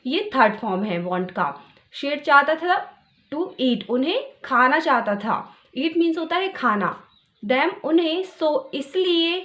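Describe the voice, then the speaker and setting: A young woman with a notably high voice leads a tutorial lesson. She reads English phrases out slowly, then breaks down each word with patient explanation. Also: fairly bright tone. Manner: explains word by word, slow when reading English lines aloud. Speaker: English teacher.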